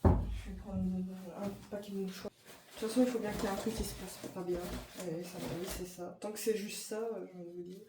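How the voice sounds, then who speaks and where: A woman's voice: medium pitch, fairly even intonation, fairly quick. A young French woman with a French accent, chatting casually and informally in a vlog, full of fillers and restarts. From France. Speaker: vlogger. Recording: echoey room with faint noise.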